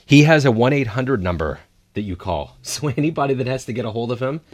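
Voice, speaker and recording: A man's voice: mid-range voice, expressive, fast, dry recording. A man co-hosting a casual music chat in a home studio, laughing often and restarting eagerly. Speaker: radio show co-host.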